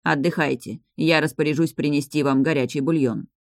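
A narrator voicing a calm, reserved middle-aged butler in a fantasy audiobook. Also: medium pitch, fairly quick, creaky, dry recording, clean studio sound, close to an everyday voice.

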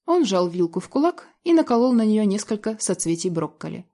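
A woman's voice: medium pitch, sing-song, a little fast, dark tone. Woman narrating a tense drama. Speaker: audiobook narrator. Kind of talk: first-person scripted narration of a dramatic novel.

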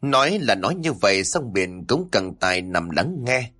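Man, horror storyteller, husky voice, lively pitch, low register. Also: a little slow, faint music behind.

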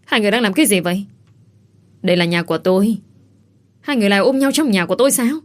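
A woman voicing a jealous young wife who shouts in a frantic, furious way. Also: mid-range voice, fast talker, natural voice.

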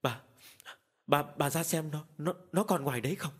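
A man's voice: mid-range voice, expressive, measured pace, husky. A man doing a domineering old village man. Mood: frightened. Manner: barking and domineering, stammering when scared. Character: old rich village man, overbearing, then terrified. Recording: long hall reverb.

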